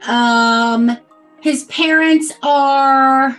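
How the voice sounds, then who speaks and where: High-voiced woman in casual podcast chat. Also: very slow, fairly bright tone, soft background music. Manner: chatty, reads from notes with many fillers. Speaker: podcast co-host.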